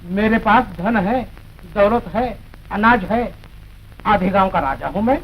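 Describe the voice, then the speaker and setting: An actor playing a boastful, mocking moneylender in a 1940s film. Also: male voice, sits high, a little slow, fairly bright tone. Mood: gloating. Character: gloating greedy middle-aged male moneylender. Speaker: greedy landowner. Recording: dull old film soundtrack with hiss.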